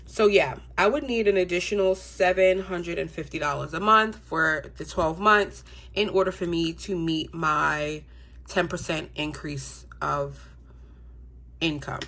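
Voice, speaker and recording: A budgeting YouTuber, a young woman, chats casually with her viewers in a vlog, her congested voice fairly low and a little slow. She sounds relaxed and says "um" a lot.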